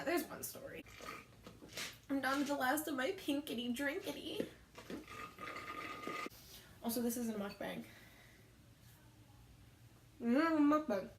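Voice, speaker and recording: In an echoey room with slight background noise, a young woman whose voice is a little high tells meandering, chatty stories about work. She often stops to correct herself in this casual storytime chat.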